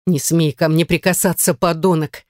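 A woman's voice: sits low, steady tone, normal speed, darkish tone, no room sound, natural voice. A woman voicing a young woman who is frightened and indignant, desperate and close to tears. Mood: furious.

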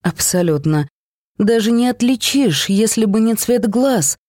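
A reader voicing an exhausted, injured young woman who speaks flatly and mockingly, in an audiobook reading. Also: mid-range voice, a little slow, dry recording, studio quality, voice pushed up. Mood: sardonic. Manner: flat, lifeless, mocking.

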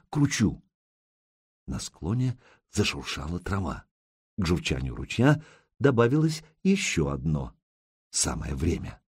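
A man narrating an audiobook in an expressive, dramatic reading style. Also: lowish voice, slightly rough, dry recording, clean studio sound.

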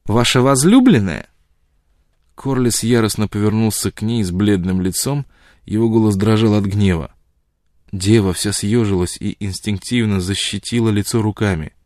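A man narrating an audiobook in a measured, steady reading style on a close mic. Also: fairly low pitch, dry recording. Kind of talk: scripted narration.

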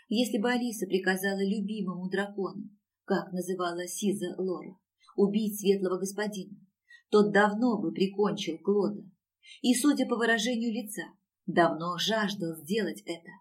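A woman narrating an audiobook in a steady storytelling manner. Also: medium pitch, moderate pace. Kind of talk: scripted narration.

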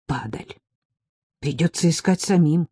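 A woman's voice: deep voice, a little slow, husky, no echo, clean studio sound. A woman reading an audiobook, voicing a brash, worried young woman friend who talks sharply and pushes hard. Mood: pushy. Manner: sharp, pushy, sarcastic.

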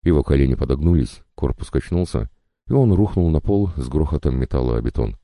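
A man narrating an audiobook in measured, even storytelling. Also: a bass voice, no echo, studio quality. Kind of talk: scripted narration.

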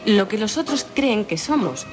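A young adult woman with a mid-range voice and lively intonation speaks at a moderate pace, acting lightly as a defiant young woman in a Spanish radio play. She sounds determined, and music plays behind her voice.

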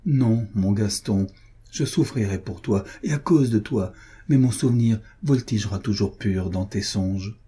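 A man's voice: lowish voice, a little slow, warm tone, breathy edge. A man reading the part of a devout, tender young duchess, in a plaintive inward monologue from a storybook. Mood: sorrowful.

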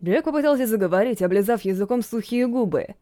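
A woman narrating a fantasy audiobook in a measured, dramatic reading. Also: on the high side, expressive, dark tone.

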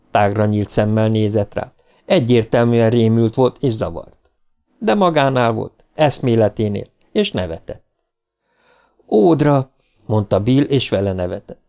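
A man narrating a novel in a steady, measured reading. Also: lowish voice. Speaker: audiobook narrator. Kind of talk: scripted narration.

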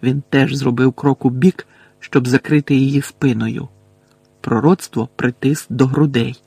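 A man reading a fantasy novel aloud as an audiobook narrator, steady and measured. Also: mid-range voice, gravelly, husky, no room sound.

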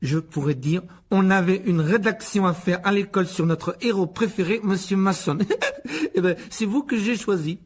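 A man's voice: high-pitched, normal speed, husky, voice pushed up. A man doing a spoiled smug boy. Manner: affected, sing-song.

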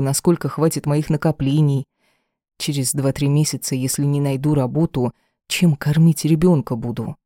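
A woman's voice: low voice, warm tone, no echo, clean studio sound. A woman narrating a first-person story as an audiobook reader, in an emotional, dramatic reading.

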